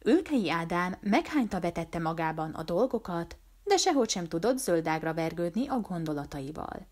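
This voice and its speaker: A woman reads a short story aloud in a calm, measured way, steady from line to line. Her voice sits a little low for a woman. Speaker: narrator. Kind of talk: audiobook narration of a short story.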